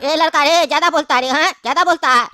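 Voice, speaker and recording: A woman's voice: high-pitched, fast, pushed and bright, a little hiss or hum. A woman voicing a boastful, blustering male judge in a cartoon who scolds, mocks and threatens beatings. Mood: mocking. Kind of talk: cartoon voice acting.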